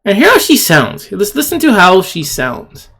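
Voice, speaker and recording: Husky and fairly bright, this mid-range voice swings hugely in pitch at a moderate pace. It belongs to a video commentator ranting indignantly about shared screen clips, hammering repeated phrases and throwing out rhetorical questions.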